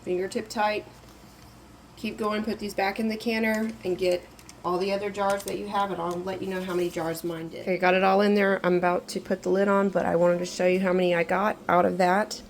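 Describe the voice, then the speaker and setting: A woman getting over an illness, talking through a kitchen canning tutorial in a relaxed, instructive way and repeating reminders. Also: mid-range voice, quick pace, slight background noise, rough recording. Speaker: home canning vlogger. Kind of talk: casual step-by-step kitchen tutorial. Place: home kitchen.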